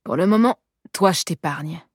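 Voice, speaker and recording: A woman's voice: fairly low pitch, normal speed, a little mellow, breathy edge, no echo, studio quality. A woman reading the lines of a cruel, menacing gunman in an audiobook. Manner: cold, threatening.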